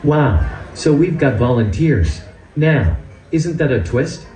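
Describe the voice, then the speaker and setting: A man's voice: mid-range voice, expressive, slow, noisy background. Give me a grumpy, sarcastic robot assistant, a synthetic male voice. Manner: dry, sarcastic and mock-theatrical. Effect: synthetic text-to-speech voice. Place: large event hall. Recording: echoey hall through a loudspeaker.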